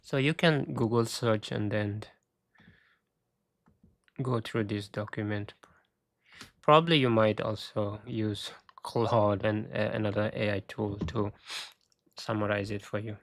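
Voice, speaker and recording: A man hosting a casual screen-share walkthrough, thinking aloud with halting restarts, and he is losing his voice. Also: lowish voice, fairly even intonation, no room sound. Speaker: tech video host.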